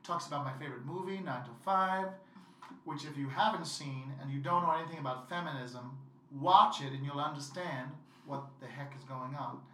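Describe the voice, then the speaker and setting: Playful laughing woman, bright echoey sound. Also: deep voice, normal speed. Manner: playful, laughing, acts out quotes loudly. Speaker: guest performer. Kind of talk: casual interview chat. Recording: echoey room from far off.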